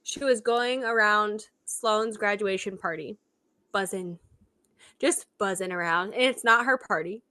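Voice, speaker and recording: A woman's voice: mid-range voice, a little slow. A young woman co-hosting a podcast, telling family stories with lots of laughter. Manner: animated storytelling with laughter. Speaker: podcast co-host. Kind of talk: casual chat.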